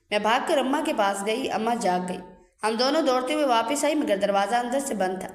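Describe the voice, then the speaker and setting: Woman telling a sad story, earnest and emotional, lots of room echo. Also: fairly high pitch. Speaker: narrator. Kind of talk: dramatic story narration. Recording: echoey room with long reverb.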